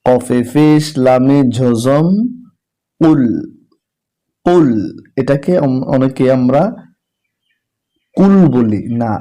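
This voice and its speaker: A man teaching Quran reading, spelling each letter and vowel slowly before reciting the verse. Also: medium pitch, dark tone. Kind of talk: slow spelled-out Quran lesson.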